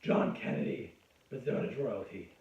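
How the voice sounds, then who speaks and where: A man's voice: lowish voice, expressive, moderate pace, a loud crowd. A man giving a crude, rambling comic history lecture, cursing and interrupting himself. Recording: echoey, distant, dull lo-fi room sound.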